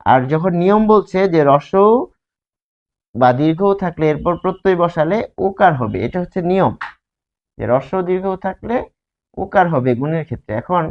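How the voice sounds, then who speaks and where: A man teaching a grammar lesson at a board, spelling words out slowly and answering his own questions. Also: on the high side. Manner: asks questions and answers them himself. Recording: dull lo-fi sound.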